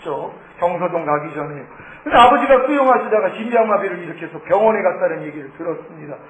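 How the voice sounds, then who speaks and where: High-voiced middle-aged man preaching in echoey room. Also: fast, a crowd in the background. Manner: emotional, animated storytelling with acted prayers. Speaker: preacher giving testimony. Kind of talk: sermon testimony.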